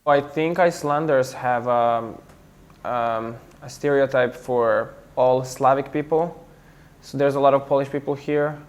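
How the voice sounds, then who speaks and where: A young man with a Serbian accent, speaking English as a second language in a relaxed interview. His voice sits in a middle pitch, and he often stalls on fillers and repeats words before finishing a thought. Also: a little slow. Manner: hesitant, many fillers and restarts. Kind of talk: casual interview talk.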